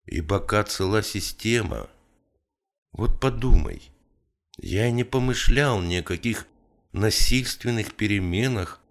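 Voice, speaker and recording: A man's voice: on the low side, creaky. A man reading an audiobook, voicing a gloomy middle-aged male writer who argues earnestly and pleads with his friend.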